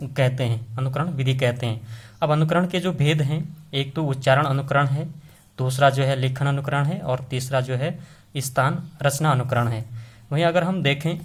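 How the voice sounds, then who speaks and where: A man teaching an exam-prep lesson, explaining step by step and often checking in with the listener with short tag questions. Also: mid-range voice.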